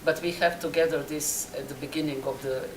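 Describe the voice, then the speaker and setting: Low-voiced woman answering questions in a hall. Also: fairly even intonation. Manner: halting, searching for words. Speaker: presenting city official. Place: conference hall. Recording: roomy hall with clear noise.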